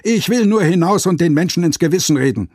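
A man's voice: fairly high pitch, lively intonation, fairly quick, darkish tone, no echo, studio quality, pitched above the performer's own voice. A man voicing a fussy, scolding master shoemaker in a radio fairy tale reading, raised and lecturing. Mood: indignant scolding.

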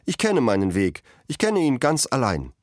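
A man's voice: mid-range voice, huge pitch swings, normal speed, dry recording, clean studio sound, pitched above the performer's own voice. A man voicing a proud young boy of noble birth who refuses help politely and firmly. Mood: proud refusal. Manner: polite and firm.

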